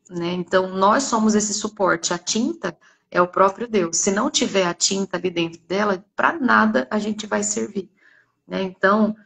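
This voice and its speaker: Brief: Brazilian woman, church testimony, earnest storyteller, slightly gravelly voice. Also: mid-range voice, fairly bright tone. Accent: Brazilian Portuguese.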